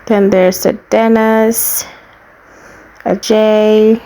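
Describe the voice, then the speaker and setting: A Namibian woman YouTuber walks viewers through a how-to on screen, explaining step by step in a plain-spoken, casual way. Her creaky, dark voice is mid-range and level, with drawn-out words.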